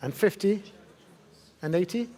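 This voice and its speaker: High-pitched male fine art auctioneer. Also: expressive, unhurried, mellow. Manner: polite, coaxing bidders with repeated figures and short questions. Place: auction saleroom in London.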